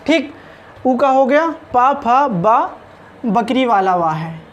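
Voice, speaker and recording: A man's voice: extremely high pitch, very animated, takes it slowly, a bit bright, muffled recording. A man teaching a spoken lesson on pronunciation, sounding out each letter carefully.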